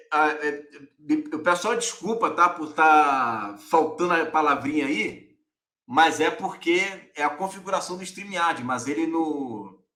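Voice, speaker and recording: A man's voice: on the high side, pushed and bright, roomy sound. A man from Rio de Janeiro with a Carioca accent, giving a live-streamed Bible lesson and repeating words to demonstrate how they are pronounced. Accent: Carioca Brazilian Portuguese. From Rio de Janeiro, Brazil.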